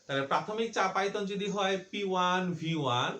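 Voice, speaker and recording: High-voiced male physics teacher, echoey room. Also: brisk, sharp tone. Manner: asks questions and answers them himself, repeats key points. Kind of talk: classroom lecture.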